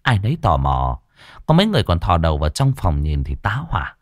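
A man reading a scripted ghost story in a dramatic, expressive way. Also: low voice, fast, dry recording, studio quality. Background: faint music.

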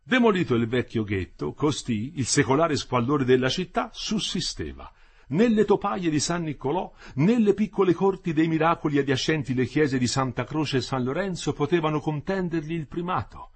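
Male reader for a literary audiobook, husky, very lively intonation. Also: a little high, moderate pace. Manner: expressive, varied delivery. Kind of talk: dramatic literary reading.

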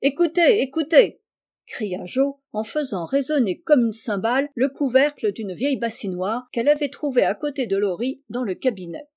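A woman reading a classic novel aloud with lively expression. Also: on the high side, moderate pace, hardly any pauses. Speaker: audiobook reader. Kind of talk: scripted storybook narration.

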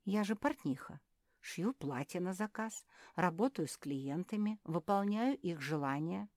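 A woman's voice: lowish voice, expressive, unhurried, a little mellow, dry recording, clean studio sound. A woman voicing a cheerful female dog seamstress who chatters eagerly about sweets in a storybook. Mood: chatty.

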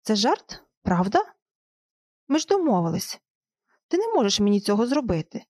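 A woman's voice: medium pitch, sing-song, normal speed, a little mellow, no echo, studio quality. A woman reading the lines of an overworked husband in an audiobook, with a rising, pleading delivery. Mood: agitated.

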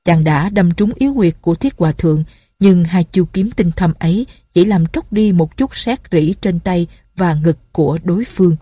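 A woman narrating a martial arts novel as an audiobook in a steady storytelling manner. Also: on the low side, moderate pace, slightly rough, no echo, studio quality.

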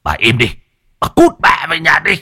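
A man's voice: fairly high pitch, wildly swooping pitch, moderate pace, sharp tone, husky, no echo, clean studio sound, voice pushed up, exaggerated voice. A male narrator voicing a middle-aged village head who stammers when shaken and turns curt and harsh when angry.

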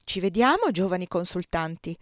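A woman's voice: fairly low pitch, big pitch swings, moderate pace, no echo, studio quality. A woman reading as a pompous older archivist.

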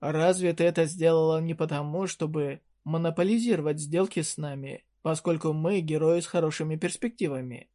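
A man's voice: a little high, fairly even intonation, fairly quick, few pauses, dark tone, natural voice. A narrator voicing a young male fantasy hero, close to the narrating voice, with dry, blunt retorts. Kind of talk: audiobook character reading.

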